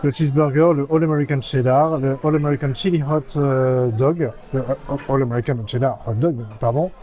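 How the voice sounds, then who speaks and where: A man's voice: mid-range voice, fairly even intonation, brisk, dark tone. A man hosting a casual vlog, reading a diner menu aloud with many hesitant fillers and teasing his companion. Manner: playful and affectionate with his companion. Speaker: vlog host. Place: American-style diner restaurant.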